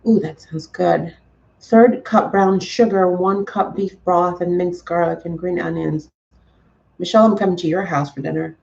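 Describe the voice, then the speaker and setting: A woman's voice: fairly low pitch, steady tone, moderate pace, gravelly, a little mellow. Woman chatting on a slightly dull, distant mic. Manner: encouraging, emphatic and repetitive. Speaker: livestream host. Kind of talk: casual chat to live viewers.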